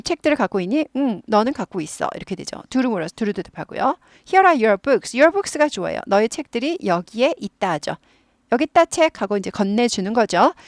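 Korean lady teacher going over english grammar, kinda high voice, dry close sound, patient and repeats stuff. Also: gravelly, no echo. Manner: patient, repeats words slowly for drilling.

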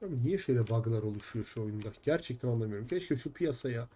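A man's voice: medium pitch, animated, fast talker, mellow, husky. Frustrated young man streaming a game. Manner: frustrated, swears often, chats with viewers. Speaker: gaming streamer. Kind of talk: live game stream chat.

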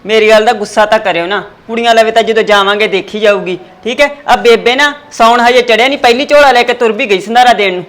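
A woman's voice: on the high side, quick pace, few pauses, close to an everyday voice. A woman playing a protective, worried village mother with a Punjabi accent. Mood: fretting. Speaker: mother of the son. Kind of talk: village drama acting.

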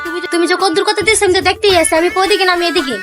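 Lady as a nagging wife, comedy skit, super high and rapid talk. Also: fairly even intonation, over loud music. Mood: reproachful.

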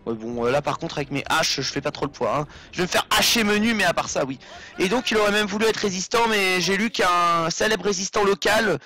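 A man's voice: high voice, fairly quick, sharp tone, soft background music. A young man giving casual, rambling gameplay commentary, joking and swearing as he plays. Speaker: let's play commentator.

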